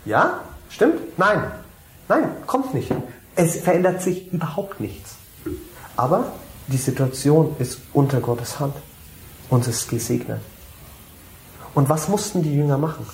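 A man's voice: fairly high pitch, lively intonation, a little slow, pauses often, reverberant, slight background noise. A man preaching a sermon, talking to the congregation casually, asking them questions and dropping in English phrases.

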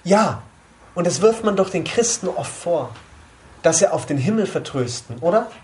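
A man's voice: sits high, animated, normal speed, darkish tone, slight background noise. A man giving an informal sermon to a small group, conversational, often asking his listeners questions. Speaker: preacher at a small church group.

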